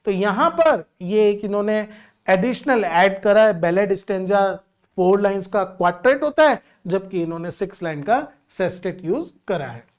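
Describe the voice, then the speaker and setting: A woman's voice: mid-range voice, expressive, normal speed. A woman teaching literature, explaining a poem patiently and counting out syllables, switching between Hindi and English.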